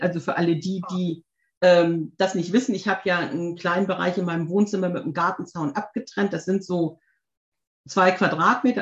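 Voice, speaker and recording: A woman chatting casually, telling lively anecdotes with many fillers and asides. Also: lowish voice, reverberant, lo-fi sound. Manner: chatty, animated storytelling, frequent fillers. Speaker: podcast guest, dog owner. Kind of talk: casual conversation.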